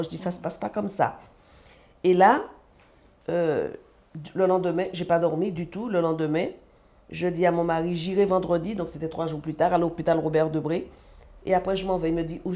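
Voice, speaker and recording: A woman from the French Antilles, a mother, telling her personal story as a guest in an animated way and acting out the dialogue. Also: lowish voice. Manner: animated, acts out quoted dialogue. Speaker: guest, mother of a sick child.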